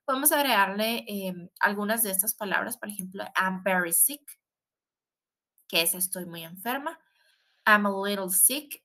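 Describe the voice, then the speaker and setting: Bright-voiced woman teaching English. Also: mid-range voice. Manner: explains in Spanish, models English words slowly, adds tag questions. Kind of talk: recorded online language lesson.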